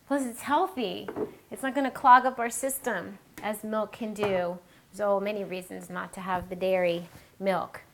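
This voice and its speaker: A woman's voice: mid-range voice, steady tone, normal speed, vocal fry, fairly bright tone, a little hiss or hum. A woman hosting a cooking demonstration, chatting and explaining each step as she works. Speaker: cooking show host. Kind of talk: casual recipe demonstration.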